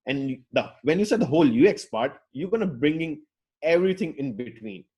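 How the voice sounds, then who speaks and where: A Pakistani man who learned English later, as his fourth language, chats casually online as a UX designer, rambling and outgoing with many fillers and restarts. His voice is a little high, expressive, brisk, mellow, and husky, and the sound is lo-fi.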